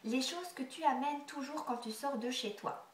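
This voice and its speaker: A young woman from Belgium answering a casual question tag for her vlog, with a stuffy congested nose, chatty and full of hesitant fillers, sometimes dropping to quiet asides. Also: sits high, moderate pace, roomy sound, recorded from a distance. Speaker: beauty vlogger.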